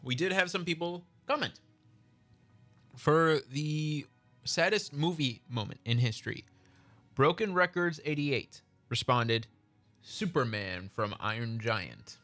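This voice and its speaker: A man's voice: on the high side, takes it slowly, fairly bright tone, soft background music. A man co-hosting a podcast in casual chat, rambling and correcting himself as he goes. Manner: rambling, restarts, self-correcting. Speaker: podcast co-host.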